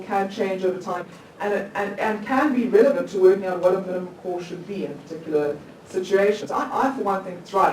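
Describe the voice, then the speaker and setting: A woman in her thirties, a law lecturer, speaks from the floor in a conference hall, asking the panel a long, chatty question full of restarts and little laughs at herself. Her voice is lowish and a little mellow. The recording has hall echo, a distant mic, and faint noise.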